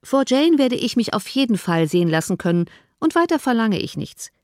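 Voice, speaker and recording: A woman reading an audiobook, voicing a sensible, composed young woman in a calm, matter-of-fact tone. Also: a little high, a little fast, no echo, clean studio sound. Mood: firm.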